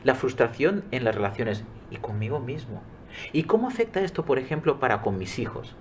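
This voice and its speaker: Quoting conversations he has had, this middle-aged coach responds to interview questions with earnest emphasis. He talks a little fast at a medium pitch with lively intonation, and a faint hiss or hum is audible.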